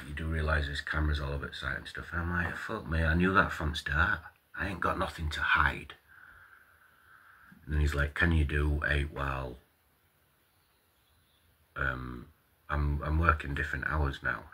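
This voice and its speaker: Man, middle-aged, low voice, husky rasp, animated ranting vlog monologue, swears. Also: normal speed, pauses often. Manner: animated storytelling, acts out quoted dialogue, swears, laughs mid-sentence. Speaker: vlogger.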